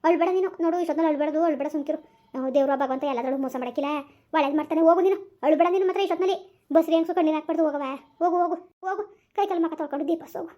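A woman acts out a distraught older village mother, lamenting and scolding in a high, quick voice. She wails over her troubles and snaps at those around her. It plays as a homemade village family drama. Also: dark tone. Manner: wailing, scolding, rapid rural speech.

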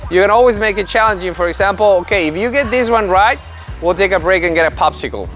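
A man in his thirties with a fairly high voice leads a children's tennis lesson. He switches between explaining drills to parents and calling out upbeat, encouraging commands to the kids. Faint music plays under his voice on a large indoor court. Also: quick pace, a bit bright. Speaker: tennis coach. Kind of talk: instructional video narration.

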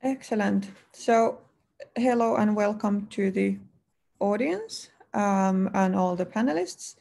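A woman moderating a panel roundtable over a video call, speaking haltingly with many fillers. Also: mid-range voice, creaky, a little mellow. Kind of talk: hosting an online roundtable.

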